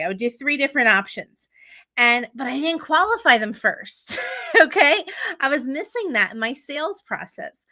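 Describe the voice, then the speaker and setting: A woman's voice: a little high, bright, forceful tone. A woman teaching travel agents how to qualify clients, chatty and upbeat, often checking in with "okay?". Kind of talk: teaching talk to an audience.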